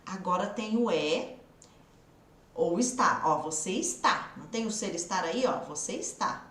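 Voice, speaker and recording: A woman's voice: on the low side, expressive, measured pace, fairly bright tone, reverberant, far from the mic. A woman with a São Paulo countryside Brazilian accent teaching an online English lesson, coaxing students with drill questions. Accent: São Paulo countryside Brazilian Portuguese. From interior of São Paulo state, Brazil.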